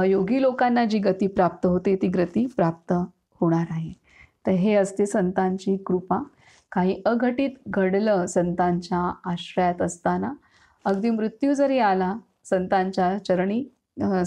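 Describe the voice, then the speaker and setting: A woman's voice: mid-range voice, warm tone. Marathi woman reading a devotional life story. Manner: slow, hesitant explaining with many fillers. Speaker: reader and commentator on a saint's biography.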